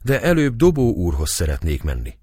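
A man's voice: sits low, huge pitch swings, a little mellow, slightly rough, no room sound, studio quality, pitched above the performer's own voice, exaggerated voice. Man doing a proud little boy page.

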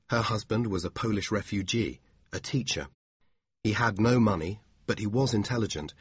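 A man voicing a sincere, devoted young man, speaking slowly and earnestly. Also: fairly low pitch, breathy edge, no room sound, pitched above the performer's own voice.

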